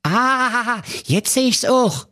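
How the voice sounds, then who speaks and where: A man voicing a hungover, blustering old king in a comic fairy tale, squeaking out flustered, whiny exclamations. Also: drawn-out words, pushed and bright, exaggerated voice. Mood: fussing. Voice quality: squeaky, high falsetto.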